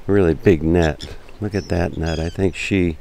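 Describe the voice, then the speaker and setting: A man's voice: low voice, fairly even intonation, measured pace, gravelly, mellow, a little hiss or hum. An American man from Florida narrating a walking vlog on a seaside pier, chatty and repeating himself as he looks around. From Florida, United States. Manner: chatty, repeats phrases while looking around. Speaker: vlogger. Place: outdoors on a long seaside pier.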